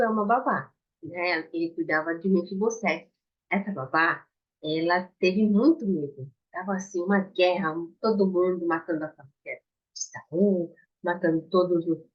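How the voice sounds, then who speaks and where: Woman, Brazilian Portuguese accent, children's Bible storyteller, slow halting delivery, simple questions, dull lo-fi recording. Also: lowish voice. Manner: simple explanatory talk, often asking the children questions. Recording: dull lo-fi sound.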